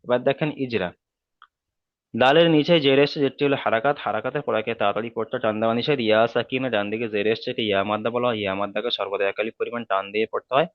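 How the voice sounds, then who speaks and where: A man's voice: lowish voice, no echo, highs cut off. A man from Bengal teaching Quran reading in an online lesson, patiently spelling out letters and often checking that students follow. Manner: often checks understanding with a quick question.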